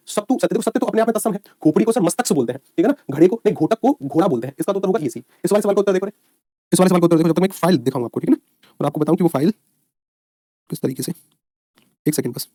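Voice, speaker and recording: A man's voice: high voice, expressive, very fast, mellow, no room sound, studio quality. A man teaching an online exam-prep lecture, quizzing his students and answering his own questions, with folksy asides.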